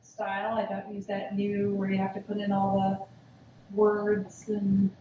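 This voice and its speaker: A woman's voice: mid-range voice, monotone, unhurried, mellow, a little hiss or hum. A woman in the audience chiming in and rambling, heard from a distance. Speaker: audience member. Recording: distant, roomy, muffled audience mic.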